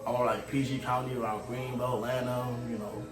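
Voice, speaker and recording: A man's voice: medium pitch, little pitch movement, normal speed. Young man, from Cameroon, laid-back slangy talk, echoey room, faint music behind. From Cameroon, raised in Maryland. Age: 20s. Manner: laid-back, slangy, often trails off softly. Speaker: guest singer. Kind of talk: casual interview chat. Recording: roomy echo, faint music.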